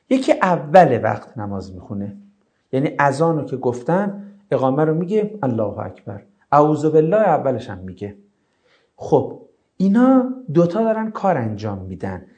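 A male teacher explaining a lesson to his class, often asking rhetorical questions. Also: fairly high pitch. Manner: animated, explanatory.

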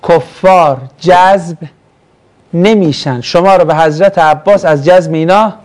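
Guy from mashhad teaching a quran class, bit high voice, jokey, keeps quizzing the students. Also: a little mellow. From Mashhad, Iran. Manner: chatty, joking, asks the class questions. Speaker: religious studies teacher.

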